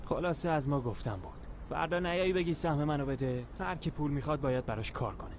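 A man voices a frustrated dealer in a dubbed film who grumbles insistently. His voice sits a little high. Street and traffic noise is clearly heard behind him. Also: natural voice. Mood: grumbling.

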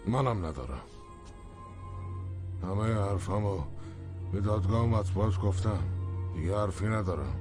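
Boastful captive, high voice leaping up and down, shouting through a door. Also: male voice, animated, music in the background. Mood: indignant. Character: arrogant locked-up man, angry and threatening. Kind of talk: dubbed film acting.

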